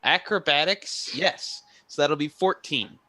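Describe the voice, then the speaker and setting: A man's voice: on the high side, a little slow, sharp tone. A man playing in a tabletop role-playing game, talking in a casual, offhand way. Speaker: player.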